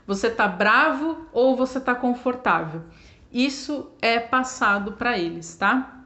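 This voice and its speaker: A woman's voice: fairly high pitch, animated, unhurried, pushed and bright. A Brazilian woman explaining cat behavior in a chatty, informal way, often adding little tag questions and acting out what pet owners say. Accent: Brazilian Portuguese. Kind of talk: casual explanatory talk to camera.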